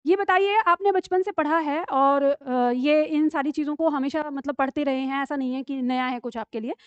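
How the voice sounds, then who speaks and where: ऊँची आवाज़ वाली महिला शिक्षिका, कक्षा में पढ़ाती हुई. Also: female voice, high-pitched, moderate pace, no room sound, muffled recording. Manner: explains spelling tricks patiently, asks students questions. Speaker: Hindi teacher. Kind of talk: live classroom lecture. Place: classroom.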